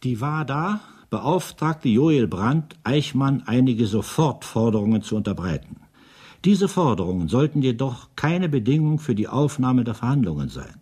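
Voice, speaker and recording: Lively, husky male narrator. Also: medium pitch. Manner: sober, measured, precise. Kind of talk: documentary radio drama narration.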